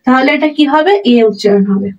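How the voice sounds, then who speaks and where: A fairly high-voiced woman explains pronunciation as a teacher. She repeats each example word slowly and with care. Her voice sounds a bit distant from the mic. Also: gravelly, darkish tone, lo-fi sound.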